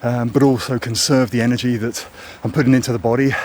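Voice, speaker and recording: British man vlogging over clear background noise. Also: medium pitch, flat delivery, quick pace, darkish tone. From Britain. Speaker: running vlogger. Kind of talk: casual vlog chat. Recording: noisy outdoor recording with ambience, vehicles.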